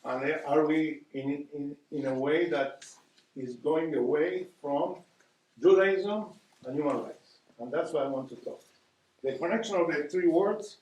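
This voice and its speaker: In an echoey community hall, a guest speaker, an older man from Argentina, lectures earnestly with an Argentine Spanish accent and a voice on the high side. Hesitations and repeated words come often as he gropes for the right term; the mic is distant.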